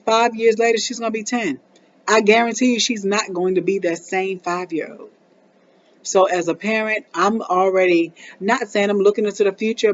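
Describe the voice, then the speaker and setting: A woman's voice: medium pitch, lo-fi sound, a little hiss or hum. A woman, talking casually to camera as a parenting vlogger and acting out little scenes with her daughter. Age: 40s. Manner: animated storytelling, acts out her daughter and herself.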